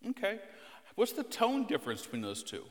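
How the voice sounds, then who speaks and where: A man's voice: sits high, wildly swooping pitch, fairly quick. A man serving as pastor, reading scripture and then talking playfully with a child in a church sanctuary. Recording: long church reverb.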